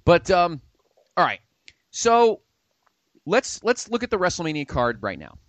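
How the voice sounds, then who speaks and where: A man hosts a casual podcast chat, his voice swinging up and down with lively energy. He sounds enthusiastic as he plugs comics and shows. The sound is dry and close. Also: high voice, unhurried, no room sound. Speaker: podcast host.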